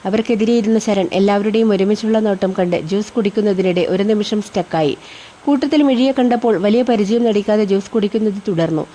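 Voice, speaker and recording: A woman narrating a novel in a steady, measured storytelling manner. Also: medium pitch, a little hiss or hum. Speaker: audiobook narrator. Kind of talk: novel reading.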